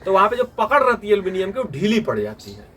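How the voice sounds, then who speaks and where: A tuition teacher in a small classroom lectures and quizzes his students, having them answer back. His voice is high and fairly bright, swooping wildly in pitch as he talks fast. A phone records the class from a distance, picking up a little hiss or hum.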